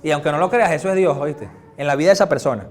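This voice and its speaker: Male Venezuelan pastor, higher-pitched, chatty sermon full of jokes and acted-out exchanges. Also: racing. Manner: animated, joking, acts out little dialogues. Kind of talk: conversational sermon.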